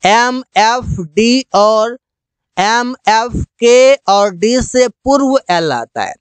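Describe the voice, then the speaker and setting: A teacher explaining English silent-letter rules in Hindi, slowly repeating each rule and example word. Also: medium pitch, animated, clear, resonant tone, dry recording.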